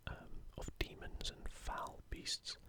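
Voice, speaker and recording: A video host doing ASMR talks to the audience without ever raising above a gentle whisper, keeping a slow, leisurely pace.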